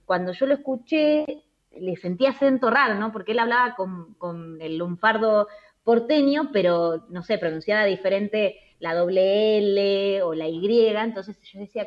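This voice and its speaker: An Argentine woman talks casually as an interview guest over a video call and tells her story in a chatty, rambling way. She keeps dropping in "eh" and a questioning "¿no?". Her voice comes through slightly dull, lo-fi call audio at a middling pitch. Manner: chatty, frequent "eh" and tag "¿no?". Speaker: interview guest, travel blogger.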